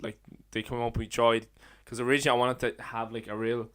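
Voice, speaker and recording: Fast-talking young Irish man. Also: mid-range voice, little pitch movement, a bit bright. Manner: rapid, profane, laughs often. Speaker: independent filmmaker, guest. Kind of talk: casual podcast chat.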